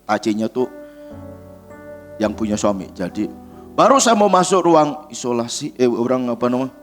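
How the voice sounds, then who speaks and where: A male pastor, preaching in a lively storytelling way and acting out the voices of the people in his story. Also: medium pitch, moderate pace, soft background music. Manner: animated storyteller, acts out quoted voices. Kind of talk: sermon storytelling.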